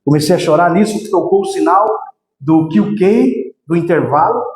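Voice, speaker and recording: A man preaching a fervent testimony sermon, often calling out to his brothers and rising into shouts. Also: on the high side, animated, moderate pace. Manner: fervent, repeatedly addresses "irmãos", bursts into shouts. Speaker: missionary preacher. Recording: echoey hall with long reverb.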